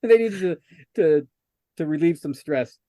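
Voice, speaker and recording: Male podcast co-host, higher voice, dry close recording, quick to laugh. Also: lively intonation, mellow, no echo. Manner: laughs often, jokey. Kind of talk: casual podcast chat.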